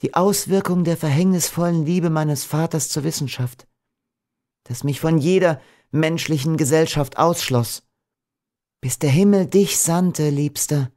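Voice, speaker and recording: A man playing a gentle doomed young woman. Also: unhurried, lightly acted. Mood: tender, pleading. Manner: soft, pleading, raised pitch.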